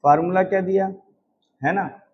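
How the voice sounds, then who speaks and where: A man's voice: sits high, fairly even intonation, lo-fi sound, a little hiss or hum. A man from India teaching a shorthand class. He keeps asking a question and answering it himself, and he stretches out sounds to demonstrate them. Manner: drawn-out repeated sounds for demonstration. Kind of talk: classroom lecture.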